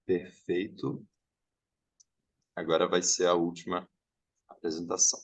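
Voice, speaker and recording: A man's voice: deep voice, flat delivery, a little slow, breathy edge. A man organizing an online academic session, checking details aloud as he goes. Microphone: video call.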